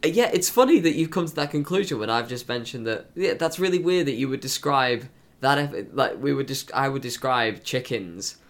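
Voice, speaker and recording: A man's voice: medium pitch, animated, normal speed, hardly any pauses. A man co-hosting a casual chat about TV episodes, talking loosely with fillers like "you know" and "like". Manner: chatty, with fillers and laughs. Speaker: podcast co-host.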